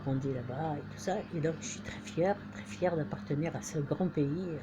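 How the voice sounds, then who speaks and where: A woman's voice: sits low, moderate pace, background noise. A woman from Algeria talking casually to camera, hesitant with many fillers and restarts, turning insistent when she urges people on. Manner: insistent, exhorting. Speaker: vlogger.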